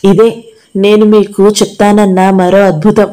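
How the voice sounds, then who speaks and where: Lady reading as a sad, sick young dancer girl, soft and mellow, audio novel. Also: medium pitch, flat delivery, measured pace, close to an everyday voice. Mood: sorrowful. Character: young woman dancer, gravely ill, secretive.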